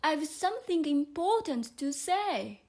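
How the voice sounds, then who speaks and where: A woman voicing a stern, contemptuous caterpillar in a storybook reading, speaking curtly with drawn-out emphasis. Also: high voice, sing-song, darkish tone, pitched above the performer's own voice, full character voice. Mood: commanding. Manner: curt, slow, drawn-out emphatic delivery.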